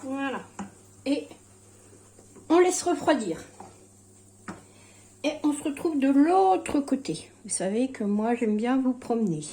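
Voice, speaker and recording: Toothless-sounding woman, slow rambling recipe chat. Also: high-pitched, lively intonation, dark tone, echoey room, slight background noise. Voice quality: toothless, slurred articulation from missing dentures. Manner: rambling, hesitant, often breaking off mid-sentence. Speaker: home cooking vlogger. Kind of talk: casual recipe demonstration, chatty. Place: at home in a kitchen.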